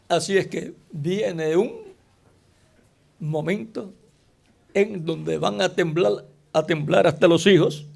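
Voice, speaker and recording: Slow, gravelly-voiced male preacher. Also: high-pitched, lively intonation, darkish tone. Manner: slow, deliberate preaching with rhetorical questions to the congregation. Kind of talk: sermon.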